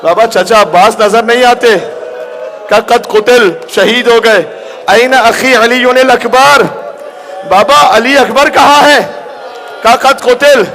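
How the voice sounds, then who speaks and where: High-voiced man preaching a mourning sermon. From Pakistan. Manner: emotional, rising to near shouts. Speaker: cleric giving a mourning sermon.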